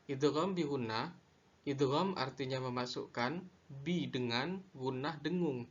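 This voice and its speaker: A man teaching a lesson on Quran recitation rules, slow and deliberate, repeating each definition. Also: mid-range voice, muffled recording. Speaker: religious studies teacher.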